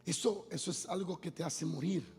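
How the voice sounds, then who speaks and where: A man preaching a sermon to a congregation, building from storytelling into loud, half-sung shouting. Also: on the high side, moderate pace. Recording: long hall reverb, faint music.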